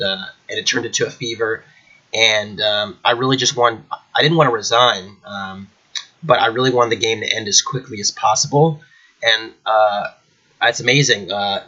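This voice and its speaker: At home indoors, a man hosting his chess channel chats casually and rambles with many fillers. He has a cold that makes him slightly nasal and congested, and his mid-range voice has a sharp tone under a muffled recording.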